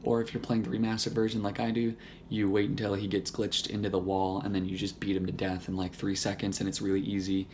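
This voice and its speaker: A hoarse young man whose voice is nearly gone, chatting casually about a video game in a rambling, profane, joking way. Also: fairly low pitch, completely flat delivery, fast talker, darkish tone, a little hiss or hum. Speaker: YouTuber. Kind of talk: casual gaming chat to camera.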